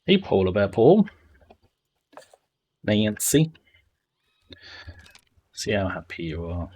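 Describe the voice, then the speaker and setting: Husky-voiced man streaming, unhurried. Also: on the low side, big pitch swings, darkish tone. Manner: playful, joking asides to chat. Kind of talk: casual game stream commentary.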